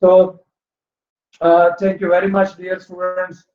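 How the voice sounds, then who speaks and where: A man teaching a recorded online lecture, explaining steadily, mixing in English terms, with drawn-out "uh" fillers. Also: high-pitched, monotone. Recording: dull lo-fi recording.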